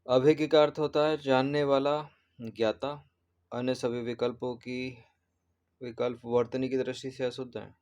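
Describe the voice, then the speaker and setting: A man's voice: medium pitch, little pitch movement, normal speed, a little mellow. A man, an exam prep teacher who goes through test answers and patiently repeats and corrects spellings.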